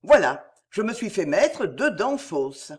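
A woman's voice: mid-range voice, very animated, slow pace, a little mellow, breathy edge, full character voice. A woman reading aloud and voicing an earnest young male notary who is eager to confess to his intended.

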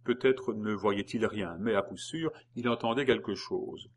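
A man reading a novel aloud in an even, measured narration. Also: on the low side. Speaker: audiobook narrator.

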